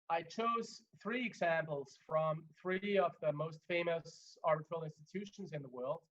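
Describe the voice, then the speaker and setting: A male legal trainer and native German speaker lectures over a video call, his slightly high voice sounding muffled as in a webinar. He speaks in a measured way, with many fillers and restarts.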